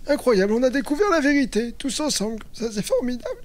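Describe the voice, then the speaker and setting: An actor playing a condescending interim mayor and scornful uncle with a sarcastic manner, in a live improvised audio drama. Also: male voice, extremely high pitch, big pitch swings, fast talker.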